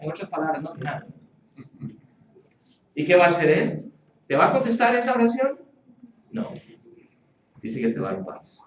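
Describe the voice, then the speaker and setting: A man preaching a sermon in a church, playful and animated, acting out quoted voices as he teaches. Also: fairly high pitch, echoey room, recorded from a distance, slight background noise, poor audio. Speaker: pastor. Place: church hall with congregation.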